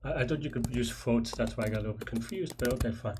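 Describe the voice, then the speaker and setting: A man solving a programming puzzle live talks very fast in a mid-range voice, casually muttering hesitant fragments while he types. The recording carries faint noise along with keyboard typing and clicks.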